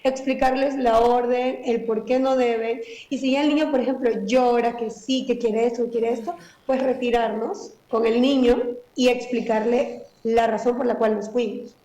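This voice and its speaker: A speech therapist with a high, warm and mellow voice explains calmly in a radio interview. Her words ring in a somewhat echoey studio. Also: normal speed, hardly any pauses. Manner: calm, explanatory, acts out examples to children.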